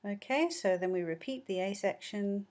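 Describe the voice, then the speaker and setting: A woman's voice: medium pitch, animated, normal speed, darkish tone. A woman teaching music analysis, explaining a score step by step and humming short bits of melody. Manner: explanatory, sings snippets of melody.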